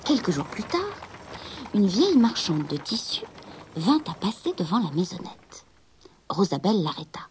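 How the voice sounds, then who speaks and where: A woman reading a children's storybook aloud with expressive narration, dropping to a whisper in hushed moments. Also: fairly low pitch, normal speed, slight background noise.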